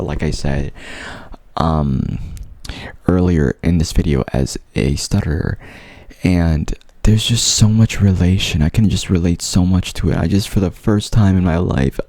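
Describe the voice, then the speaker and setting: A young male vlogger with a stutter earnestly and openly tells his personal story to the camera, repeating sounds and words along the way. His voice is low, gravelly, and warm, with no echo.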